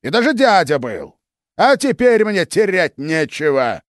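A hoarse young nobleman, bitter and mocking, as a narrator acts him out, who yells his defiance at a high, strained pitch. The delivery swings wildly. The sound is close and dry. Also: very animated, measured pace, no room sound. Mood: defiant shouting. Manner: mocking, shouting.

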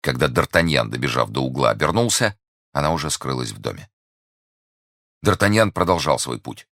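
A man narrating a classic adventure novel in measured storytelling. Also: very deep voice, sing-song, creaky, a bit bright, no room sound, studio quality. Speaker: audiobook narrator. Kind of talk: scripted narration.

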